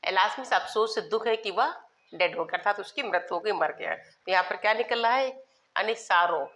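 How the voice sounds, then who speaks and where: Woman teaching grammar slowly. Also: medium pitch, fairly bright tone. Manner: spells words letter by letter, repeats key terms slowly; addresses students as children, asks and answers own questions. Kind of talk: grammar lesson.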